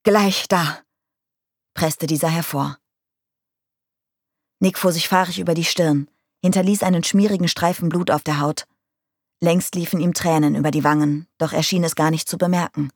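Female audiobook narrator, low voice, dry close sound, calm and measured. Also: husky, no echo. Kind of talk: audiobook reading of a crime novel.

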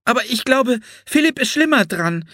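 A man voicing an eager, excitable young girl in an audiobook, high and urgent. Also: normal speed, dry recording, studio quality, exaggerated voice. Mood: earnest. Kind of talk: audiobook character voice.

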